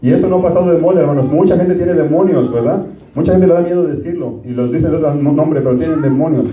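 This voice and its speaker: A man's voice: on the high side, quick pace, dark tone. A pastor, preaching a conversational sermon and often calling his listeners brothers. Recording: roomy, distant from the mic.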